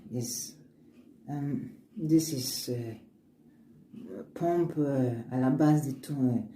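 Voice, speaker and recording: In a casual vlog, a woman whose first language is African shows off her homemade oils, switching between English and French. She's earnest and upbeat, talks about her faith, and restarts often, in a low-pitched, dark-toned voice. The room is echoey with faint ambient noise.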